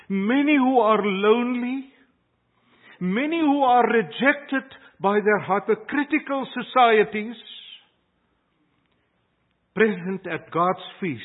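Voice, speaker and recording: Heard through phone-quality sound, the voice is a high one belonging to an older South African pastor whose first language is Afrikaans. He delivers an earnest, emphatic sermon in South African English, rising on important phrases.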